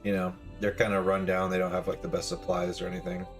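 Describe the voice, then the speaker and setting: A man running a tabletop game as game master, relaxed and casual with plenty of fillers. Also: deep voice, fast, music in the background. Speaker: dungeon master.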